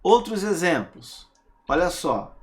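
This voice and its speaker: A man's voice: sits high, sing-song, slow. A man teaching a grammar lesson, stressing single words and asking rhetorical questions to check understanding.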